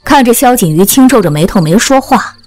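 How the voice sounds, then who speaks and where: A woman narrates a serialized novel with expressive storytelling. Her voice sits a little high and moves lively up and down. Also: a little fast, slight background noise. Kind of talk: audiobook narration.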